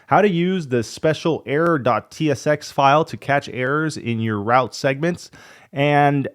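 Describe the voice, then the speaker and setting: A man with a slightly high, clean voice and a measured pace hosts a coding tutorial, suffering from a cold and a fading voice. His casual walkthrough includes thinking aloud and frustrated muttering during debugging.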